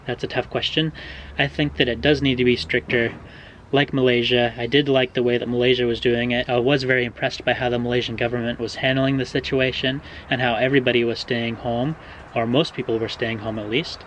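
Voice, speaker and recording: A man's voice: medium pitch, muffled recording. American vlogger, easygoing man. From Oregon, USA. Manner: relaxed, hedging, many ums and uhs. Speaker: vlogger answering viewer questions. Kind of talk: casual explanatory vlog. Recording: faint background noise.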